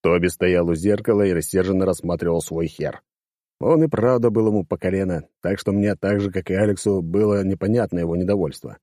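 A man reading a first-person audiobook in a brash, coarse, lively way, close to the mic. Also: low-pitched, brisk, no echo. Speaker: audiobook reader.

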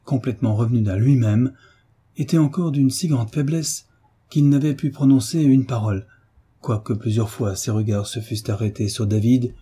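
Brief: male audiobook narrator, measured storytelling, very mellow dark tone, a touch husky. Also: medium pitch.

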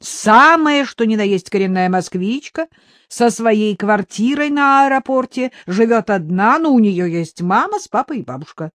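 A wry middle-aged writer, a man who grumbles out of habit and teases his family, as a woman reads him. His lines come calm and low in a lively reading, close and dry. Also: normal speed, no room sound. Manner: grumbling, teasing.

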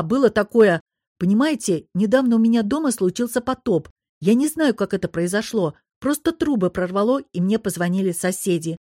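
A woman's voice: mid-range voice, darkish tone, no echo, lightly acted. Lady doing a jumpy old shopkeeper guy in a storybook reading, always flustered and apologizing, dry close sound. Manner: flustered, pleading, eager to please. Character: fussy anxious old male shopkeeper artificer. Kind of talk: audiobook character voice.

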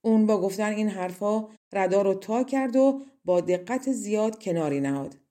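A woman narrating a fairy tale audiobook in a calm, measured way. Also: medium pitch. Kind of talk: storybook narration.

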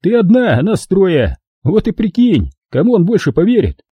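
A man's voice: high-pitched, moderate pace, breathy edge, no room sound, highs cut off, voice pushed up, full character voice. A man voicing a fawning, snickering lanky thug. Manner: flattering, snickering, joking.

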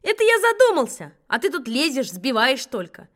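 A woman's voice: high voice, huge pitch swings, normal speed. A woman doing a cheeky bluffing schoolboy. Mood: indignant. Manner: loud, bluffing, eager. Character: cheeky boastful schoolboy caught unprepared.

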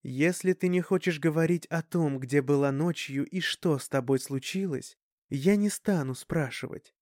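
Gentle protective mother, soft measured delivery, read by a male narrator, slightly high, dry recording. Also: dry recording, natural voice. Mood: gentle, caring.

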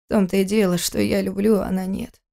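A woman reading the part of a hard, bitter young husband who speaks curtly and forcefully. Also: medium pitch, level tone, quick pace, creaky, close to an everyday voice. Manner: forceful, curt.

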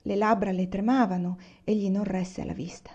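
Woman, audiobook narrator, mellow voice, calm pace, slightly muffled recording. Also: mid-range voice, normal speed, slightly rough. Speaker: reader. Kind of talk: reading a novel aloud.

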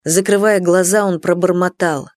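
A woman narrating an audiobook in a measured, dramatic storytelling manner. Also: on the low side, steady tone, dry recording.

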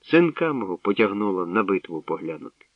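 A man's voice: fairly low pitch, very animated, brisk, no room sound. A man voicing an elderly shepherd and anxious father who grumbles and frets, in a tinny, distant radio recording. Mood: grumbling. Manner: fretful, grumbling.

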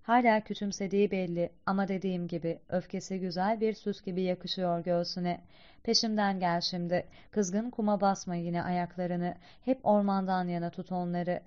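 A woman voicing a wise old male guide poet who speaks gravely and instructively. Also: on the low side, steady tone, moderate pace, darkish tone, natural voice. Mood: calm. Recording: slightly dull lo-fi recording.

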